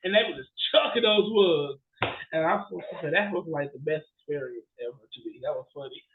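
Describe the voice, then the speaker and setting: A podcast co-host with a notably high voice talks fairly quickly and casually, telling stories and ranting in slangy, exclamatory bursts. The recording sounds somewhat dull and lo-fi.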